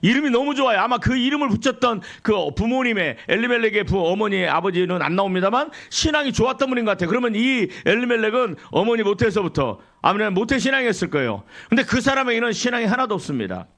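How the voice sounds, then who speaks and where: In a church sanctuary, a middle-aged male pastor delivers a sermon in a high, fairly bright voice with lively intonation, speaking fast and barely pausing. He poses questions to the congregation and answers them himself, quotes scripture, and acts out the complaints of grumbling believers.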